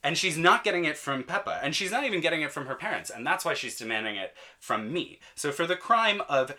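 A man with a bright, forward voice tells a story among friends on a podcast. His delivery is dry and sardonic, building to a mock-courtroom verdict. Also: fairly high pitch, expressive, a little fast. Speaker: podcast co-host telling a grievance story.

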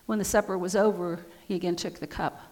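A woman pastor leading a communion liturgy in a solemn, measured way, her voice ringing with a cathedral echo in a church sanctuary. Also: lowish voice, steady tone, darkish tone. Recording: long church reverb.

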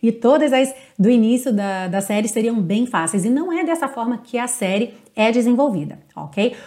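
A woman's voice: a little high, a little mellow. A woman with a Brazilian accent, an English teacher explaining lyrics and pronunciation patiently in an online lesson.

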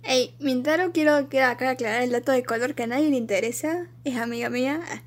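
Argentine woman, podcast co-host, high voice, giggly, rambling, teasing. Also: quick pace. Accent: Argentine Spanish. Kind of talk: casual chat.

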